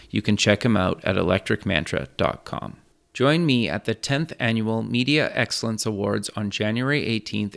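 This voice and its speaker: A man hosts a podcast and radio show, opening with a scripted intro before moving into a casual interview. His voice is lowish, gravelly and a bit bright.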